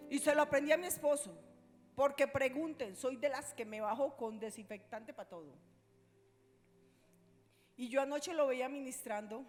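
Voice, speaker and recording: A woman pastor preaching a sermon, telling a story with passion and moving between loud and hushed delivery. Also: a little high. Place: church. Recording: long reverb of a church hall.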